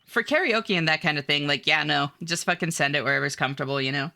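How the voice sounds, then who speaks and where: Fast-talking and creaky, this streamer has a low voice and a sharp tone. While playing, she reads out viewer messages and responds in a relaxed, cheerful way, dotting her speech with "like," "um," and an occasional curse.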